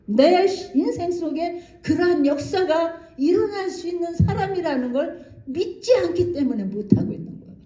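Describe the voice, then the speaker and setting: A woman's voice: extremely high pitch, animated, moderate pace, dark tone. A woman missionary giving a special lecture at a church, telling stories animatedly with acted-out quotes. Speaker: missionary speaker. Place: church hall. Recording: echoey church hall.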